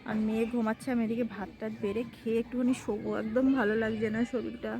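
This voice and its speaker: Woman vlogger, slightly high voice, sore throat from a cold, casual running commentary on her chores. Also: flat delivery, fast talker, music in the background. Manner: chatty, narrating chores as she works. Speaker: home vlogger. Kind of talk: casual home vlog narration.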